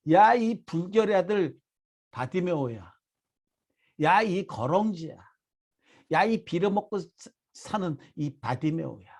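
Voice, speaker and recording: A man's voice: sits high, animated, slow pace, long pauses, darkish tone, full character voice. A man voicing a jeering crowd that harshly scolds a blind beggar with contempt, as part of a sermon. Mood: scornful.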